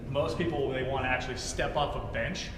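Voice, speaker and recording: A man's voice: medium pitch, brisk, crowd noise. A man coaching through an exercise demonstration in a casual, encouraging way, with short repeated cues. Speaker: fitness coach. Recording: echoey hall, loud background noise.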